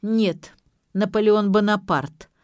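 A woman's voice: mid-range voice, lively intonation, normal speed, darkish tone, dry recording, natural voice. A woman voicing a pompous young man who lectures and shows off his learning. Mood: smug. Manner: pedantic, showing off.

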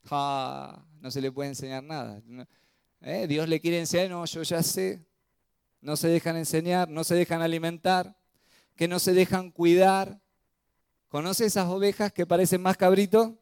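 Animated Rioplatense Spanish male pastor. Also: a little high, moderate pace, creaky, clear, resonant tone, no echo. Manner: animated preaching, rhetorical questions to the congregation. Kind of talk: sermon. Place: church.

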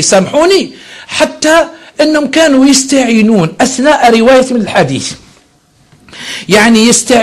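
A man with an Algerian accent teaching a religious lesson, moving between classical Arabic and dialect in a chatty way. He often checks with his listeners and corrects himself mid-phrase. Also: very high voice.

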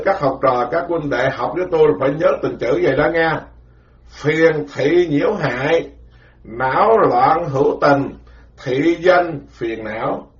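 A Buddhist monk gives a homespun dharma talk, slipping into other voices as he tells stories. His voice sits a little high for a man. The recording is roomy and dull, like an old lo-fi tape. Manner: folksy, colloquial, acts out voices in anecdotes. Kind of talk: dharma lecture with storytelling.

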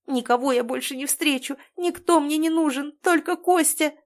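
A woman's voice: normal speed, lightly acted. Woman doing a frantic lovesick schoolgirl. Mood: frantic pleading. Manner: shrill, insistent pleading. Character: desperate lovesick teenage schoolgirl.

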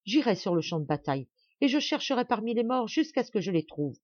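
A woman's voice: medium pitch, very animated, fast talker, a little mellow, no echo, dull audio, voice pushed up. A woman reader voicing a distraught middle-aged noblewoman with frantic, pleading cries.

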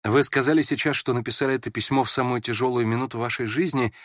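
A man's voice: mid-range voice, fairly even intonation, fast talker, no room sound, clean studio sound, lightly acted. A man reading an audiobook, voicing a proud, impulsive young woman who flares up and then turns shy. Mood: embarrassed. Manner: sharp, flustered, switching between scorn and shyness.

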